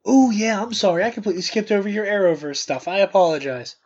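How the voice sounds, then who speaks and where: A man's voice: high voice, fast, a little mellow. A man hosting a casual podcast, rambling with restarts and plugging merch eagerly. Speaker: podcast host. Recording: dull lo-fi podcast audio.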